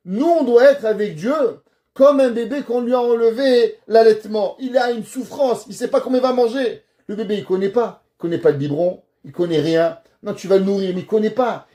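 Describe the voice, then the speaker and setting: A man, a rabbi, giving a Torah lesson and telling stories, acting out the dialogue. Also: sits high. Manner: animated storyteller who acts out dialogue.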